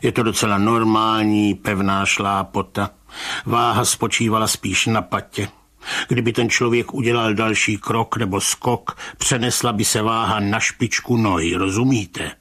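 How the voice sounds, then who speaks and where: Storybook cop: male reader voicing a low, husky, unbothered commissioner, dry grumble. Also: steady tone, pushed and bright. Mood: matter-of-fact. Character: gruff, weary middle-aged police commissioner. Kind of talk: audiobook reading of a short story.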